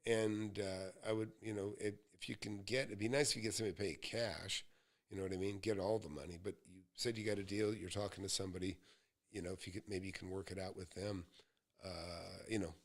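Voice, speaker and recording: Host, male, 60s, from the US; low and gravelly, rambling and folksy. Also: steady tone, a little fast. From United States. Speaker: real estate mentor host. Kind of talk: live Q&A advice.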